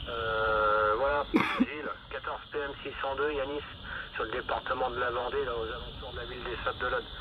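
Man, CB operator heard over a walkie-talkie, dull lo-fi sound with strong static, relaxed radio chatter full of fillers. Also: medium pitch. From France. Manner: unhurried, full of fillers and call-sign spelling. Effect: heard through a handheld walkie-talkie receiver. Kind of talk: casual radio contact with call signs.

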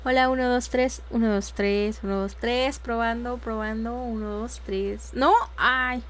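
A woman's voice: fairly high pitch, steady tone, a little slow. A young woman commentating live gameplay, often frustrated and exclaiming to herself and her viewers. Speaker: streamer.

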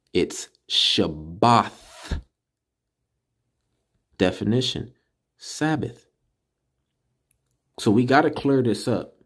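A man with a Californian accent teaching a spoken Hebrew pronunciation lesson, emphatic and repeating syllables slowly. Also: lowish voice.

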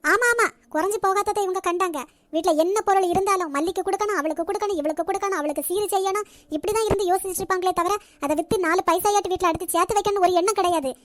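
A sarcastic, grasping cartoon housewife, played by a woman who complains in a Nagercoil Tamil accent. Her voice is extremely high and the talk rushes along. The sound is dry and close. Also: no room sound. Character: sharp-tongued, grasping middle-aged housewife. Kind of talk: cartoon voice acting.

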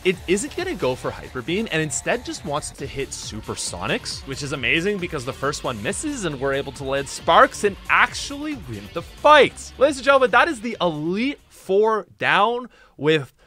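Bright, animated young man narrating gameplay. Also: normal speed, few pauses. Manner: upbeat, chatty, lively swings in pitch. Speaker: gaming YouTuber. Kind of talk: energetic game commentary voice-over. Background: faint background music.

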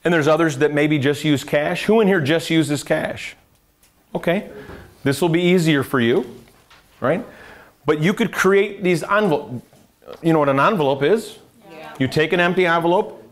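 At a normal speed and in a slightly high voice, this middle-aged American man, a financial adviser, runs a live seminar lecture. He chats with the class, quizzes them, and drops sarcastic, dry remarks.

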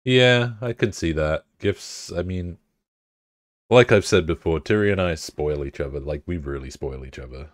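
Chatting with viewers during a game stream, a young man keeps things laid-back and profane, swearing plenty and sounding congested. His voice sits low and moves at a moderate pace. It's a clean studio recording without echo.

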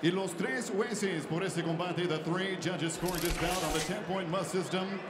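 Showy, high-pitched male boxing ring announcer. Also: normal speed, very noisy. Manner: booming, showy delivery like a lucha libre announcer. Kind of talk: theatrical bilingual ring announcing with drawn-out name calls. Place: boxing ring in a large indoor arena. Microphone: handheld microphone over arena PA. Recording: echoey PA in loud, crowded arena.

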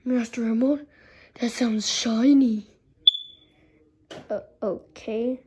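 A woman's voice: a little high, steady tone, slow pace, mellow, breathy edge, heavily acted. Woman putting on a dopey mouse detective plush. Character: dim, easygoing male electric mouse detective plush.

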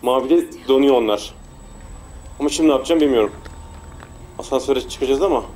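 A man talks his way through a game in a casual, mumbling voice. His pitch sits in the ordinary middle range, and a faint noise floor runs under the recording. When danger hits, he gets rushed and loud. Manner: mutters to himself, turns frantic and shouty when chased. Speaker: gameplay commentator. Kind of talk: casual let's play commentary.

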